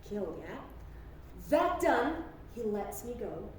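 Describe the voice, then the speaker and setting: A woman's voice: on the high side, sing-song, takes it slowly. A woman working as a drama coach, giving instruction and modelling classical monologue lines to be repeated. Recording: echoey room, distant mic, faint noise.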